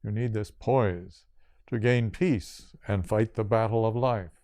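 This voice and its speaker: Older male yoga teacher giving a spiritual talk; slow, measured phrasing in short lists, crisp voice. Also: on the low side, dark tone, dry recording, clean studio sound.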